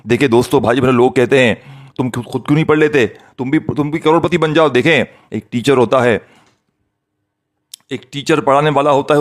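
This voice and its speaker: An earnest man preaching to his viewers with a mid-pitched voice. He keeps turning to address brothers and sisters and stresses each point through repetition. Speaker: spiritual teacher.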